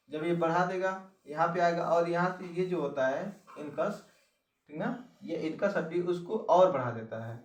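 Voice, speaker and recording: A man's voice: fairly high pitch, recorded from a distance. A man teaching an exam-prep biology lesson, repeating key terms and asking the listener questions. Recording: echoey room, voice from off-mic.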